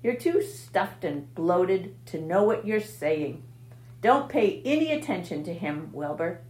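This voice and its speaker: A woman voicing a wise female spider who speaks in a quiet, reproving tone, in an echoey room. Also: fairly low pitch, animated, a little slow.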